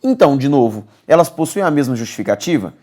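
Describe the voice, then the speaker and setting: A man's voice: medium pitch, fast. A man with a Brazilian accent teaching an exam-prep grammar lesson, coaxing and repetitive, often checking in with his students. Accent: Brazilian Portuguese. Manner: lively, coaxing, repeats key words, checks in with "beleza?".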